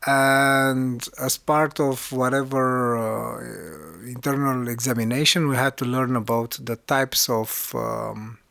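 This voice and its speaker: Halting man co-host, dry close sound. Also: mid-range voice, fairly even intonation, vocal fry, bright, forceful tone, dry recording. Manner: halting, restarts phrases. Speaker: podcast co-host, music teacher. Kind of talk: casual conversational podcast chat.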